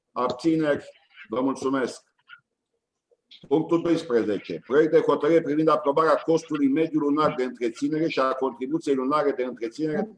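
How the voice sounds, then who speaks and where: Man briskly chairing a council meeting. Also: on the high side, poor audio. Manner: brisk, reads agenda items in a flat routine. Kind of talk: formal procedural chairing.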